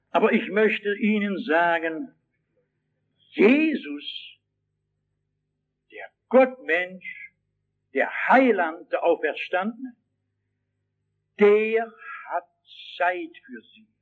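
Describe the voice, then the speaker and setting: A man preaching a sermon, addressing his listeners directly and telling a story in which he acts out the shouting voices. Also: high-pitched, animated, takes it slowly, pauses often, narrow, tinny audio.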